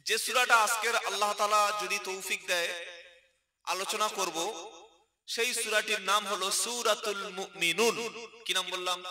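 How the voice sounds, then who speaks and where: Bengali preacher, male, West Bengal accent; sharp, bright tone; echoey mic at a religious gathering. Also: high-pitched. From India. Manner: chanted Arabic verses between conversational asides to the crowd. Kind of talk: sermon. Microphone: PA microphone.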